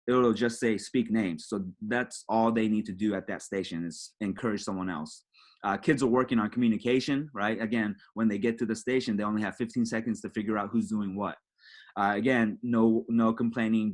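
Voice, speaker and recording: A football coach with a lowish voice walks fellow coaches through his program in an easy, conversational way. He keeps checking in with "right?" and leans on "again" as he moves from point to point. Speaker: high school football coach. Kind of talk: clinic presentation to coaches.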